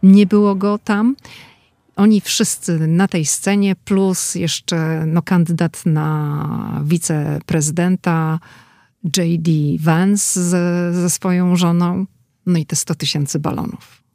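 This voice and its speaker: A woman reporter talking casually and with animation about an event she attended, quick to push back in discussion. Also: lowish voice, fairly even intonation, mellow, dry recording, clean studio sound. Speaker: correspondent.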